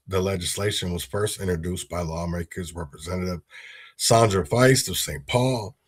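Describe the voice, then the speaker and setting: Low husky-voiced political livestream host. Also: male voice. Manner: reads news reports aloud and adds opinion.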